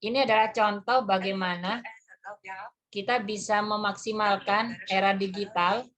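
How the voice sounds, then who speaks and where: A woman's voice: mid-range voice, steady tone, normal speed, fairly bright tone. A woman presenting an online lesson, explaining step by step as she demonstrates an app on her phone. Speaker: webinar presenter.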